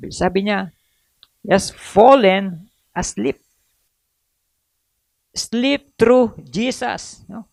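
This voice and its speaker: A man preaching a sermon, mixing in English, reading verses slowly and adding frequent tag questions and hesitations. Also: very high-pitched, creaky, fairly bright tone, no room sound. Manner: switches between Tagalog and English, reads Bible verses slowly. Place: church.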